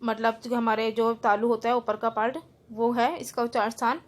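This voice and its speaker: A woman's voice: on the high side, steady tone, moderate pace. A woman, a school Hindi teacher giving an online class, who explains each rule and then repeats it in simpler words, mixing in English terms. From India.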